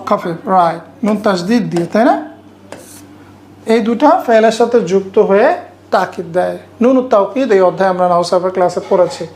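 A woman teaching an Arabic grammar class, reciting verses slowly and explaining them step by step while quizzing her students. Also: mid-range voice, a little mellow, slight background noise. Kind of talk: online class lecture.

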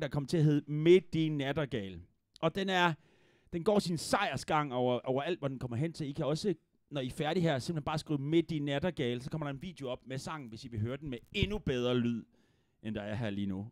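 A man's voice: medium pitch, dry recording, studio quality. A man with a Jutlandic accent hosting a livestream concert, chatting in a rambling, playful way and swearing freely. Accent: Jutlandic Danish. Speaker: livestream concert host and musician. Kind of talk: joking livestream banter between songs.

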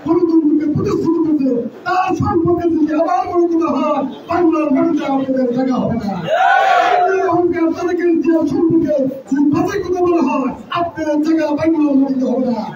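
Older man shouting a fiery rally speech. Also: very high-pitched, a little fast, heavy background noise. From Bangladesh. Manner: fiery, repetitive slogans. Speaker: political speaker. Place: crowded indoor party office. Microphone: handheld mic, filmed from far. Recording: echoey hall, far off, dull, crowd.

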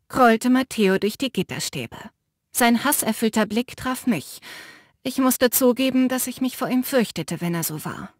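A woman's voice: a little high, dry recording, clean studio sound. Woman narrating a fantasy audiobook. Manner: measured, expressive storytelling. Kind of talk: scripted first-person fantasy narration.

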